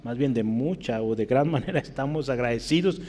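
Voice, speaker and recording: A man's voice: medium pitch, brisk, warm tone, long reverb tail. A male pastor preaching a sermon, punctuating his points with "¿verdad?" and climbing to emphatic peaks.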